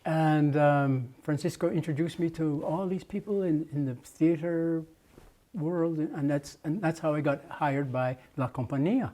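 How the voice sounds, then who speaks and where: A man's voice: a little high, a little slow, dark tone. Older Jamaican-born man reminiscing. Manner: rambling, many restarts and fillers. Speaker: interviewee, muralist. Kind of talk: oral history interview, reminiscing.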